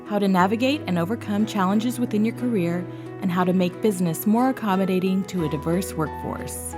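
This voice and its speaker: A woman reading a scripted podcast introduction in a smooth, even voice. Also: medium pitch, a little fast. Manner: smooth, read aloud. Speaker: announcer. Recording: music underneath. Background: music.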